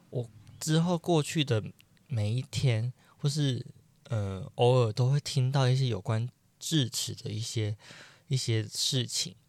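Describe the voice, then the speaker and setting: A man's voice: mid-range voice, darkish tone, no room sound. Young man, solo podcast host, chatty and self-mocking, mid-range voice, dry close-mic sound. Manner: chatty, self-deprecating, acts out quoted dialogue.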